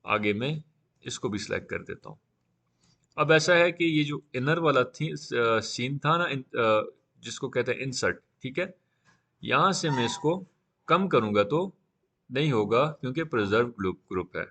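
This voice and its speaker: A man teaching a live beginner class on 3D software, talking casually and often saying "okay" while he works. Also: mid-range voice, lively intonation, a little slow. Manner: casual, repeats "theek hai" often. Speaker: 3D software instructor.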